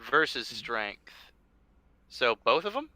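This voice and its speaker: Male player, very bright tone, dry close sound, slow delivery. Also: mid-range voice, big pitch swings, dry recording. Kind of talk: tabletop game play.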